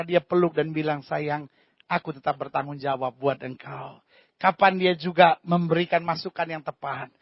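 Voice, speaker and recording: A male pastor preaching a sermon, animated and teasing the congregation with banter. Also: high voice, no room sound, lo-fi sound.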